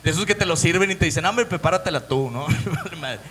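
A man's voice: fairly high pitch, fast talker, a bit bright. A young man from Monterrey with a northern Mexican accent, performing a profane, story-driven stand-up comedy set. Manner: profane, storytelling, acts out voices.

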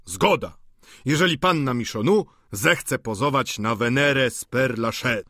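Man voicing a loud, cocky joker. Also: mid-range voice, lively intonation, measured pace, no room sound, studio quality. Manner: loud, jovial banter. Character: brash, witty male boarder, cocky and mocking. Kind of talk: audiobook character reading.

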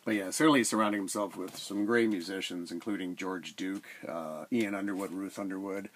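Middle-aged guy, lowish voice, rambly casual record chat at home, lots of uhs, right up on the camera. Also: brisk. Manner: relaxed, rambling, many "uh" fillers. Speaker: record collector vlogger. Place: home room with shelves of records. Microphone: camera at close range.

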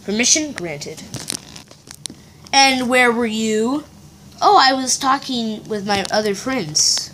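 A woman's voice: fairly high pitch, takes it slowly, long pauses. A woman improvising a toy-figure play, voicing every character and whispering prompts to a partner. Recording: steady background hiss.

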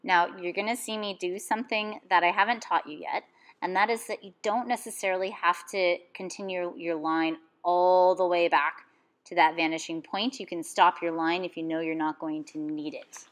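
A woman with a fairly low voice talks through a drawing lesson. She gives calm, step-by-step instructions as an art teacher. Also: moderate pace.

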